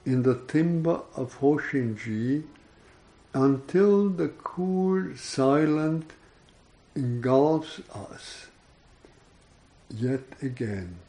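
Slow, mellow man reading fiction. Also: medium pitch, animated, poor audio. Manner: slow, measured, solemn. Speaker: podcast reader. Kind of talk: reading literary fiction aloud.

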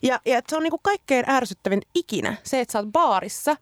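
A woman co-hosting a casual chat, animated and laughing often as she talks. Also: no echo, clean studio sound. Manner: animated, laughs often, rising pitch when excited.

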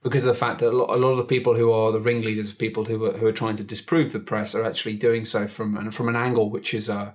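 A man hosting a casual panel chat, thoughtful and halting with many restarts. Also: fairly low pitch, flat delivery.

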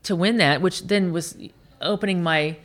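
A woman in her late fifties from Iowa, a senior military officer, speaks at a moderate pace in a lowish voice. In a conversational interview she tells candid anecdotes, often restarting her sentences in bursts.

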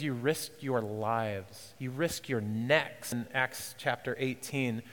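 A man delivers a sermon in an ordinary mid-pitched voice, talking to his congregation in a plain, conversational way. He moves between quiet, reflective phrases and emphatic, raised ones. The sound rings with the long reverb of a church hall. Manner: earnest preaching with swings from hushed to emphatic; conversational, drops into casual voiced asides. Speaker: pastor.

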